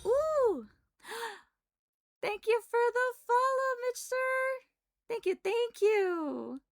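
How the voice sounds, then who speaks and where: A woman livestreamer chatting casually with a cute, excitable anime-streamer delivery. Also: very high-pitched, extremely slow.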